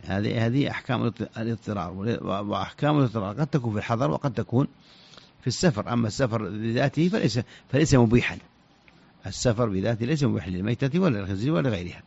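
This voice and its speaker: Gravelly-voiced man answering religious questions. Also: on the low side, lively intonation, a little mellow, highs cut off. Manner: halting, repeats words while searching for them. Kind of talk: radio fatwa answers.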